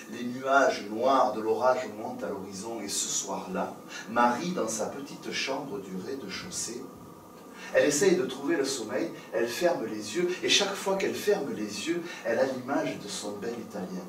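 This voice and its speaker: Storyteller on a distant stage. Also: male voice, mid-range voice, moderate pace, slight background noise. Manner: lively, playful, swings between loud and hushed. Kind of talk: theatrical storytelling for adults. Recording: roomy live recording from a distance.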